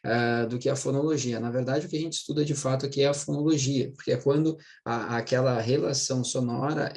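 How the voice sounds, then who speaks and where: A middle-aged man gives a relaxed online grammar lesson, his mid-pitched voice roughened by a gravelly fry. He talks to his students like friends, checking in after nearly every phrase and slowing down to lean on the words he wants them to remember. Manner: chatty, keeps checking in with "tá?" and "né?"; slows down and stresses words to explain them. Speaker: Portuguese teacher for exam prep. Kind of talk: casual recorded online lesson.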